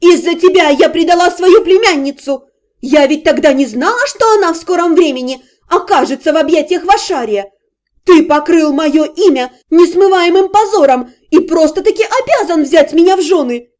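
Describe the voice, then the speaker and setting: A woman doing a shrill, pushy aunt, high, loud, insistent, audiobook character. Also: normal speed. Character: shrill, brazen middle-aged aunt.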